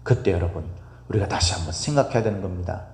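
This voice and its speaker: A man preaching an early morning sermon as pastor, animated and asking the congregation rhetorical questions. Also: deep voice, fast. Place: church sanctuary. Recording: echoey hall with long reverb.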